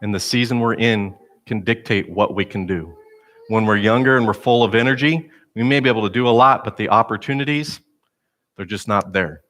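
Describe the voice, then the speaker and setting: A male pastor delivers a relaxed sermon in a church sanctuary. His voice sits a little low, and he talks like he's chatting with friends, poking fun at himself as he goes. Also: a little fast. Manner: conversational, self-deprecating storytelling.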